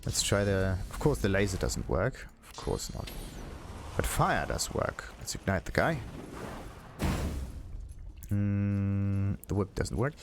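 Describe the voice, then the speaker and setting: Very animated yet slow, with long pauses, a man with a lowish voice narrates a casual let's play, talking to himself as he goes. He hosts gaming videos, and video game music and other background noise fill the clip.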